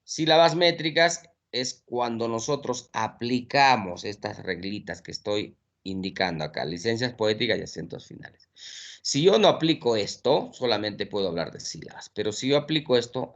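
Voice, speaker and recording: A man's voice: lowish voice, a bit bright, muffled recording. A man, teaching an exam-prep lesson step by step and checking in with frequent tag questions.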